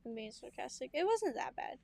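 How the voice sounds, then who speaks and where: Very animated and a little fast, a young woman co-hosting a podcast recounts family stories, laughing often and voicing what others said. Her high voice is mellow with vocal fry, and the recording is dry.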